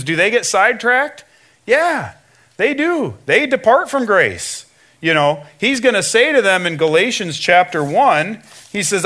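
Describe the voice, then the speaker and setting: A man's voice: high-pitched, sharp tone. A man giving a conversational sermon as a substitute pastor in a church, full of "you know" and "right?" asides, acting out quoted lines. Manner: acts out quoted lines in shifting voices.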